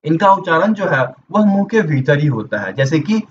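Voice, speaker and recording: A man teaches a grammar lesson for exam preparation, explaining step by step and asking questions that he answers himself. His voice is on the high side, with big pitch swings and a moderate pace. A distant mic makes the sound dull, with faint noise.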